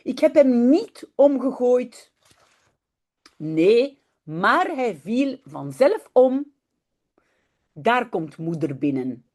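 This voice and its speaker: Lady teacher reading a kids story, slow and bouncy, voice up high. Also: sing-song, a little mellow. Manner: quick, chatty explaining between readings. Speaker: Dutch teacher. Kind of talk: reading a children's story aloud, then explaining.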